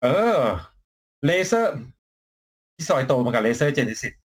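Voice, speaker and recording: A man's voice: mid-range voice, expressive, takes it slowly, husky. A man co-hosting a late-night live cycling show, blunt and teasing, crude and jokey, laughing often. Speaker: cycling talk show co-host.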